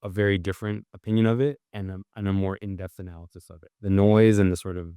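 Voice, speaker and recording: As a podcast guest, a writer and journalist with a fairly low, mellow voice gives reflective, loose conversational answers, circling back with fillers like "like" and restarting often. He speaks fast in a steady, clean tone. The sound is dry and close, with no echo or room around it.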